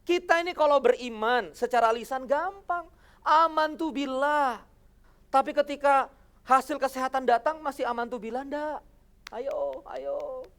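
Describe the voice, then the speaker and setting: High-pitched voice, motivational Islamic TV talk, animated, rhetorical questions. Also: moderate pace. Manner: addresses the audience as friends. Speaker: religious motivational speaker.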